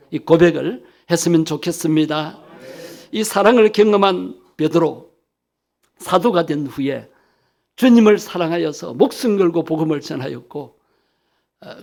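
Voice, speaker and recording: A man's voice: fairly high pitch, vocal fry, warm tone. A male pastor delivering an earnest sermon, lifting his voice to speak the questions of Jesus with emphasis.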